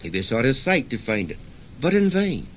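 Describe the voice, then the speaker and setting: Calm wise old sage, read by an older man, gentle and instructive, storybook reading. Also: mid-range voice, moderate pace, a little hiss or hum, lightly acted, rough recording.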